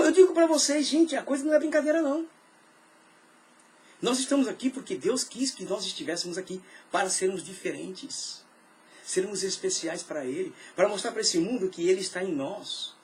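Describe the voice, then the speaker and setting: Animated, high-voiced pastor. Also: male voice, a little hiss or hum. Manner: animated preaching, jumps between loud calls and low asides; frequent throat clearing. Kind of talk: sermon.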